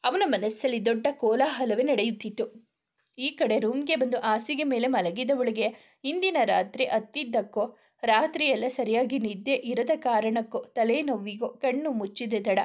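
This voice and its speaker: A woman's voice: on the high side, moderate pace. A woman reading a romantic family story aloud as narrator, voicing the characters' dialogue in her own voice with little change.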